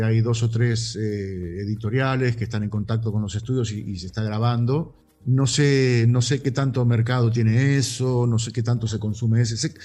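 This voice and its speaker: A man in his fifties with a Rioplatense Argentine accent, a voice actor talking animatedly in a casual interview. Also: mid-range voice. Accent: Rioplatense Argentine Spanish. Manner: animated, gesturing storyteller. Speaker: voice actor guest. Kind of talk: casual interview over a call.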